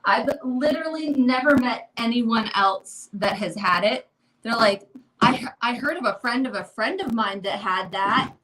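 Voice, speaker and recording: A candid, animated co-host in her thirties talks over others on a casual home livestream, facing a mirror near a window. Her voice is on the high side at a moderate pace, and the recording is rough.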